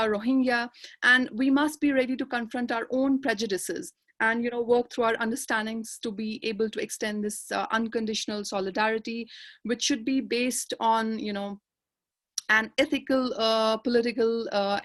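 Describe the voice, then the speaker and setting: Woman with a high-pitched voice reading poetry. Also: a bit bright. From Kashmir. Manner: measured, lyrical recitation with repeated refrains. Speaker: poet and panelist. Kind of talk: poetry reading and panel discussion.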